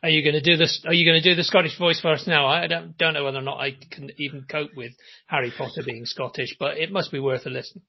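A man's voice: a little high, fairly even intonation, quick pace, gravelly. A male podcast host asking questions eagerly, stumbling over repeated words as he goes. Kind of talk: casual interview chat. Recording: muffled lo-fi audio.

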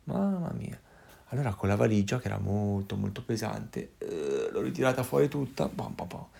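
Gravelly man telling a life story. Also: fairly low pitch, normal speed. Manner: animated, acts out voices and sounds.

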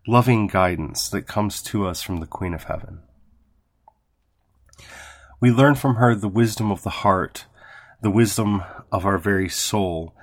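A man giving a gentle, measured devotional talk, pausing often between phrases. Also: on the low side, no room sound, clean studio sound.

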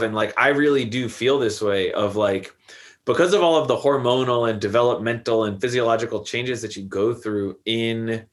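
A man in his thirties, a podcast guest, talking reflectively in a loose, rambling way full of fillers. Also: mid-range voice. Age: 30s. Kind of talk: casual conversation.

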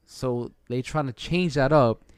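A man with an average-pitched voice hosts a casual chat. He talks in loose, slangy, bro-like phrases, and the recording is close and dry. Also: unhurried, smooth, dry recording. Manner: slangy, colloquial, bro-like banter. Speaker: podcast host.

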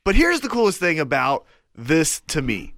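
A man from Kansas City co-hosting a casual podcast in a hoarse voice that is nearly gone, talking emphatically, repeating himself and swearing freely. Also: a little high, wildly swooping pitch, moderate pace, fairly bright tone. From Kansas City, United States. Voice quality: hoarse, strained voice close to giving out. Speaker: podcast co-host.

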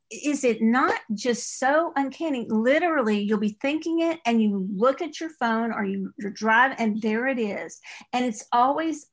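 A woman with an East Texas accent talks as a podcast guest, chatty and rambling, often restarting her sentences. Her voice sits a little high. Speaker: podcast guest, author and crystal store owner. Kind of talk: casual interview chat.

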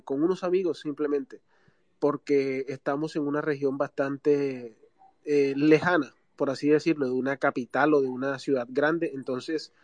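A man's voice: mid-range voice, dry recording. A man in his thirties with a Colombian Caribbean coast accent, calling in to a live audio talk with many hesitant fillers. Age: 30s. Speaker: caller. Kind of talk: live audio space call-in.

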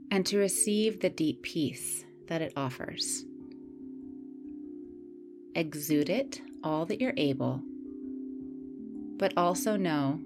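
A woman with a low-set voice leads a yoga class through breath and movement. She speaks in a calm, soothing, gently coaching manner. Instrumental music plays clearly beneath her words. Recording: clear music playing behind the voice. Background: soft instrumental music.

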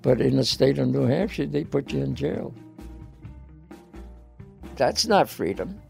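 An older man giving a halting, emotional personal account, repeating words as he grows tearful. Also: mid-range voice, lively intonation, vocal fry, soft background music. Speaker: interviewee.

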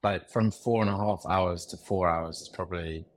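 A man hosting a podcast, asking questions in a relaxed, informal way and swearing casually. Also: low voice, moderate pace. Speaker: podcast host.

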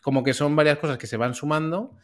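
A man from co-hosting a podcast, talking in a casual, reflective way with hesitant pauses and fillers. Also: fairly high pitch. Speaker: podcast co-host. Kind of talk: casual chat.

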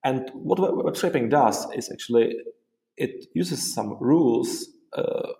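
A man's voice: mid-range voice, expressive, unhurried, creaky, dark tone. A man in his forties from the Czech Republic with a Czech accent, a podcast guest explaining his work patiently, with many "uh"s and "you know"s. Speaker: guest, software company co-founder. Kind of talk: interview answers. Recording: roomy echo.

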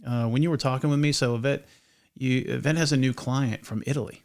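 A man's voice: mid-range voice, fairly even intonation, fairly quick, vocal fry, darkish tone. A man hosting a podcast with his wife, talking in a loose, chatty way that wanders and often restarts mid-sentence. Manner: rambling and chatty, with frequent restarts. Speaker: podcast host. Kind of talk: casual podcast chat.

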